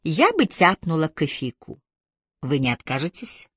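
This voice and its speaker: A woman's voice: low voice, wildly swooping pitch, measured pace, fairly bright tone, husky, no room sound, clean studio sound, exaggerated voice. A woman reading an audiobook voices a cheeky, chatty young actress with breezy banter. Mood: chirpy.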